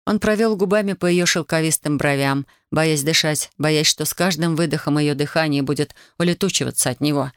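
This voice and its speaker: A narrator reading an audiobook in an intimate, unhurried way. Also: mid-range voice, clean tone, no room sound, studio quality.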